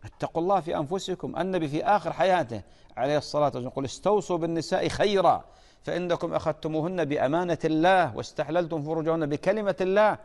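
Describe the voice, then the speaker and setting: A man's voice: fairly high pitch, rapid-fire, darkish tone, long reverb tail. A man preaching an earnest sermon, often stalling and restarting mid-word.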